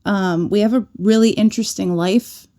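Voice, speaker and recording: A woman's voice: mid-range voice, fairly even intonation, normal speed, dark tone. Chatty American woman co-host. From United States. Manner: chatty, laughs easily, trails off with fillers. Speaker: podcast co-host. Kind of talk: casual chat.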